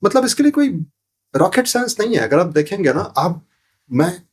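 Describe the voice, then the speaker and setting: A sound therapy teacher, appearing as a guest on a podcast, explains spiritual ideas in an interview. His voice is high and sing-song with a slight roughness, and he speaks at a moderate pace. His manner is didactic: he repeats phrases and poses rhetorical questions.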